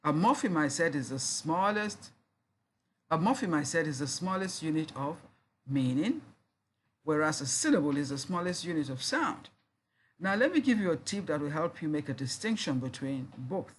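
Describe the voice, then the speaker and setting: In a recorded lesson, a university lecturer speaks slowly and deliberately, repeating each word to sound it out and spelling out letters. His medium-pitched delivery is sing-song, with slight background noise.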